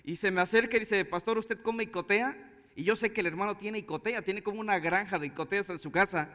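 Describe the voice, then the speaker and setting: A man's voice: high voice, a little fast, bright, forceful tone, in a large hall. A man with a Mexican accent, a pastor telling a story in a conversational way before preaching. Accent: Mexican Spanish. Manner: conversational storytelling, chuckling asides. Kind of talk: sermon with anecdote.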